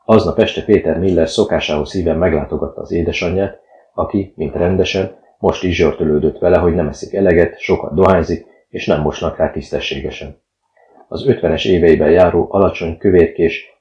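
Male narrator, very low voice, calm even reading, slightly muffled, roomy sound. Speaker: audiobook narrator. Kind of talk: scripted narration. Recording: dull, roomy recording.

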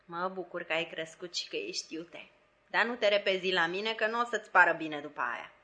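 Hoarse old male ex-convict read by a woman, rough and weathered, low broken murmur, bright tone, audiobook. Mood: gruff.

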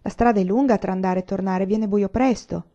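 A woman voicing a gentle, careful pioneer mother who speaks politely and gently urges, in a dull lo-fi recording. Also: mid-range voice, steady tone, a little fast, close to an everyday voice.

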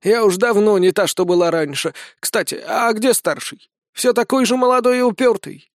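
A man's voice: sits high, normal speed, no room sound, studio quality, pitched above the performer's own voice. A man voicing a bossy old woman demolitions expert who talks curtly and commandingly. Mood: cheerful. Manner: curt, commanding, slangy. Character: gruff old granny demolitionist, bossy and sharp.

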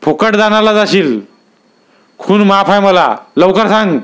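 A man voicing a domineering, brutal village strongman with harsh, bullying shouts, pitched well above his narrating voice. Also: lively intonation, measured pace, clean tone. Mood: menacing.

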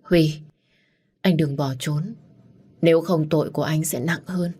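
A woman's voice: low voice, fairly even intonation, unhurried, dark tone, slightly rough. A woman voicing a torn young policewoman. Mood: weak. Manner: firm, strained. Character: torn young policewoman, firm yet grieving. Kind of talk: audiobook character voice.

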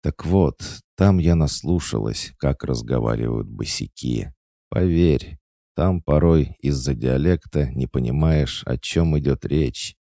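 A man's voice: very deep voice, measured pace, vocal fry, warm tone, no echo, clean studio sound, pitched above the performer's own voice, heavily acted. A man voicing a cheeky, sarcastic young witch in an audiobook, teasing and mocking. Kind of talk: audiobook character voice.

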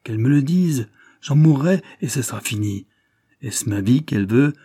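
A man's voice: mid-range voice, expressive, moderate pace, mellow, slightly rough, no echo, clean studio sound, pitched above the performer's own voice. A man reading the pleading, impassioned lines of a desperate young lover. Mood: anguished. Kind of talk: audiobook character reading.

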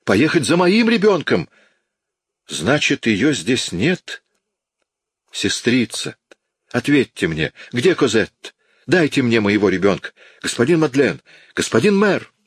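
A man's voice: mid-range voice, sing-song, a little slow, pauses often, breathy edge, no echo, clean studio sound, pitched above the performer's own voice. A man voicing a frantic, sick young mother. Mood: frantic pleading. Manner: frantic, pleading cries. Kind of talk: audiobook reading.

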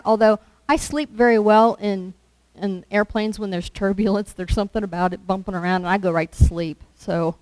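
A woman preaching a sermon, telling the story in a slow, conversational way and acting out quoted lines. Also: medium pitch, smooth, no echo, rough recording.

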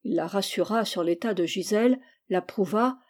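Warm-voiced woman narrating an audiobook. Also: medium pitch, moderate pace. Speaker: reader.

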